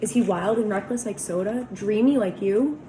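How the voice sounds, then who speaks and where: A woman's voice: medium pitch, moderate pace, noisy background, lightly acted. Woman doing a teenage girl, curious, earnest, coaxing. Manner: coaxing, questioning.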